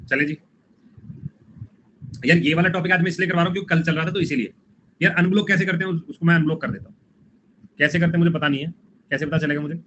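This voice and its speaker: Guy teaching an online exam class, talks super fast, keeps nudging students on, muffled stream sound. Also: a little high, fairly even intonation, fairly bright tone. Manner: quick, repetitive memory tricks, coaxing students along. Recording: dull lo-fi stream audio with faint noise.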